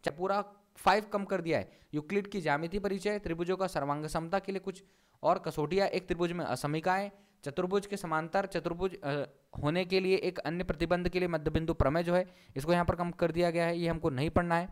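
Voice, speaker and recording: High-voiced man teaching, repeating instructions. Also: fairly even intonation, brisk. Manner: repeats points over and over, instructing. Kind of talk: online lesson walking through a document.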